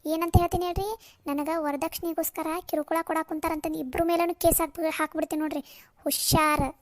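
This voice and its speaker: A woman voicing a shrill, defiant young daughter-in-law. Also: steady tone, quick pace, dry recording, clean studio sound. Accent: North Karnataka Kannada. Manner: indignant, argumentative. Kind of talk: cartoon voice acting.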